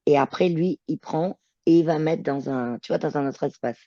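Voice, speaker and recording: A woman working as a telepath, describing her visions in a channeling session, halting and searching for words. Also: low voice, dark tone, no echo, highs cut off. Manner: hesitant, searching for words, many fillers.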